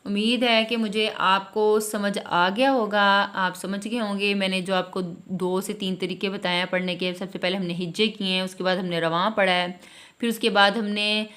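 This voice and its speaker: A woman's voice: mid-range voice, steady tone, a bit bright. Woman patiently teaching Quran reading. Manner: repeats a reassuring "theek hai" to check understanding. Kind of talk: spelling out and reciting a reading primer lesson.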